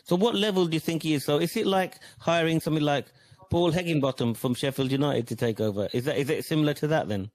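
A man's voice: a little high, quick pace, darkish tone. A man co-hosting a fan podcast, easygoing and probing his co-host with questions. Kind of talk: casual fan podcast chat.

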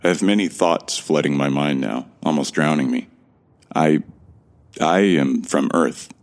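Playing a lost amnesiac from Earth, a man narrates a sci-fi audio drama in an extremely deep voice with heavy creak. He comes across as measured and reflective, yet bewildered and earnest.

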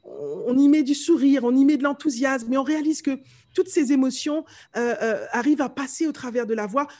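High-pitched lively woman vocal coach. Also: brisk. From the islands. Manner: lively, laughs easily, hesitant fillers. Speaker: vocal coach, podcast guest. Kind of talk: conversational interview.

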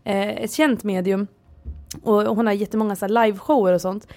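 A woman's voice: mid-range voice, steady tone, darkish tone. A woman co-hosting a casual podcast who reacts dramatically and swears casually. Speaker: podcast co-host. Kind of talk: casual chat.

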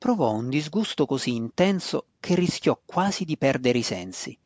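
A male narrator reading a fantasy audiobook in a measured, even way. His voice sits at an ordinary middle pitch, recorded close and dry with no room sound. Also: no echo.

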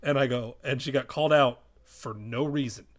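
A man chatting excitedly on a tabletop game podcast, swearing freely and retelling conversations. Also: mid-range voice, moderate pace. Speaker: podcast editor and player. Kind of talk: casual tabletop podcast chat.

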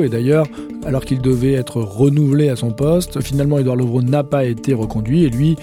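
Hesitant man explaining the news. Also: medium pitch. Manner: conversational, frequent hesitations. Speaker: journalist. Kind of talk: explanatory commentary.

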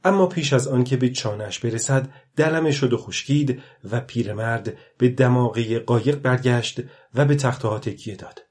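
Steady male audiobook narrator. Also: mid-range voice. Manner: measured, steady reading.

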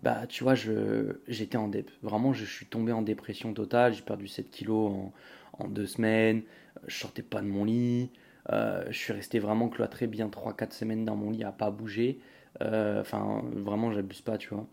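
A man's voice: on the low side, flat delivery, normal speed, gravelly, a little mellow. A young man hosting a casual solo podcast, rambling with many fillers and restarts while talking straight to the listener. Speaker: podcast host.

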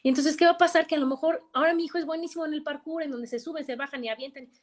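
A woman's voice: sits high, steady tone, very fast. A middle-aged Mexican woman hosting a casual advice show, telling stories and acting out quoted voices. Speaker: host. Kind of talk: casual advice talk to listeners.

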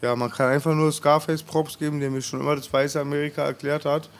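A man's voice: fairly high pitch, little pitch movement, fast, a little hiss or hum. A man chatting casually, rambling and talking over the others. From Germany. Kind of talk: casual chat.

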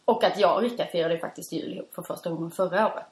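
Chatty woman wedding coordinator, echoey room. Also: fairly low pitch. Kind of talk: casual chat.

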